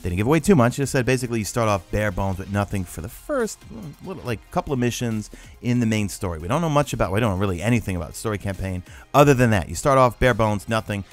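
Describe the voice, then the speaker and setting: Animated man hosting gaming news. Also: lowish voice, fast. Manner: animated, conversational, emphatic. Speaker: gaming news video host. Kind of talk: casual commentary, reading out and breaking down articles. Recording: voice-over with background music. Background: background music.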